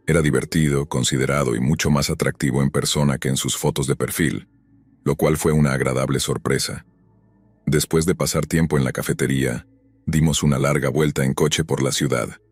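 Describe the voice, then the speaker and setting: A man narrating a scary story in a calm, even, scripted way. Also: a bass voice, slightly rough, no room sound.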